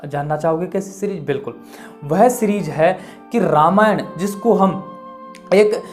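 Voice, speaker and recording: Male host, emphatic rhetorical explainer, quizzes the listener and answers his own questions, soft music underneath. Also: high-pitched, measured pace. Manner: poses questions to the viewer and answers them himself; earnest, emphatic delivery. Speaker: YouTube channel host.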